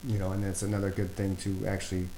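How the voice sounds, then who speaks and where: A man's voice: low voice, completely flat delivery, fast, mellow. A middle-aged man hosting a casual podcast, rambling with many fillers and restarts. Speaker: podcast host. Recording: echoey room, faint background noise.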